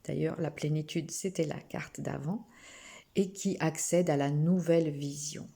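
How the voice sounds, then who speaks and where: A French woman gently reading oracle cards to her viewers, with many pauses and small restarts. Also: sits low, fairly even intonation, vocal fry, husky. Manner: slow, gentle, with frequent hesitations and restarts. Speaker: spiritual card reader. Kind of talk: oracle card reading to camera.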